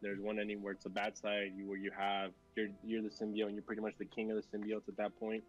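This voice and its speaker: A man co-hosts a casual video game chat, rambling along with lots of fillers and restarts. His voice is lowish and monotone at a quick pace, and the recording sounds muffled.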